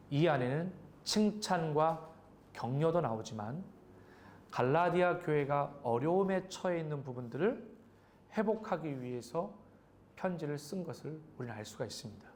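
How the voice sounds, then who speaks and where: A male pastor preaching a sermon in a conversational way, asking the congregation questions. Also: a little high. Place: church sanctuary.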